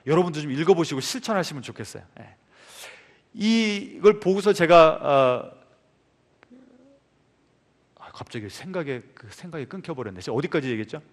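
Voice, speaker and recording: A man's voice: on the high side, expressive, normal speed, pauses often. A male pastor preaching a sermon, telling a story and putting questions to the congregation. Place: church sanctuary. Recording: long church reverb.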